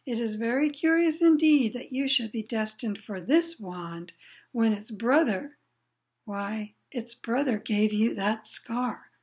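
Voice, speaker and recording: A woman plays an eccentric old male wandmaker, fussy and eerie in manner. Her delivery shifts from low murmurs to excited cries.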